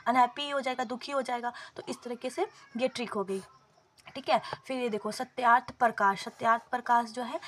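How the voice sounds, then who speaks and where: A woman explaining memory tricks in a casual, conversational lesson, often pausing with fillers and checking in with "theek hai". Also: fairly high pitch. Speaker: exam-prep tutor.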